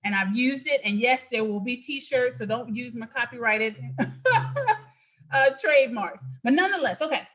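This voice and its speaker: A woman hosting an impassioned political talk, emphatic and preachy, with quick asides. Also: on the high side, expressive, a bit bright. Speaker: host and political commentator.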